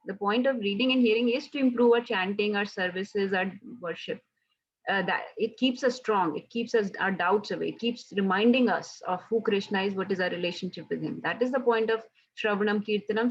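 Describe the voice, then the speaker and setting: A woman's voice: mid-range voice, breathy edge, muffled recording. A woman leading a casual devotional scripture class, talking conversationally and often checking in with "right?".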